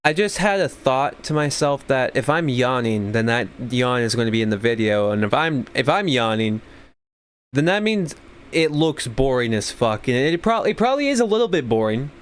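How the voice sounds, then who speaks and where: A man's voice: medium pitch, lively intonation, normal speed, clear, resonant tone. A man hosting a livestream, talking in a crude, rambling, sarcastic way and sounding sleepy. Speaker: livestream host. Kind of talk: casual profane commentary.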